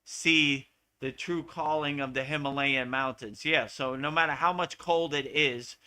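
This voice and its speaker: A man's voice: a little high, steady tone, measured pace, pushed and bright, clear, resonant tone. An American man, a spiritual teacher, talking earnestly and repetitively in a live Q&A satsang.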